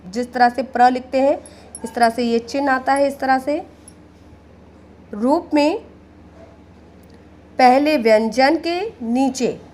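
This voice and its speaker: A woman's voice: high-pitched, takes it slowly, long pauses, a little mellow. A woman teacher giving a patient grammar lesson, repeating each word and addressing the children directly. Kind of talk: slow classroom explanation.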